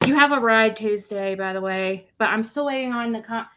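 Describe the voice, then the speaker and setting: A woman's voice: a little high, moderate pace, bright, forceful tone. A woman hosting a casual livestream panel, asking questions in an informal, rambling way. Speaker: panel host. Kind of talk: casual true crime livestream chat.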